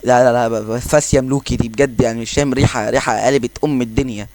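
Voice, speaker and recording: A man with an Egyptian Arabic accent giving casual, excitable commentary over his own gameplay, joking and exclaiming as he plays. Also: medium pitch, rapid-fire, dry recording. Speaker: gaming channel host.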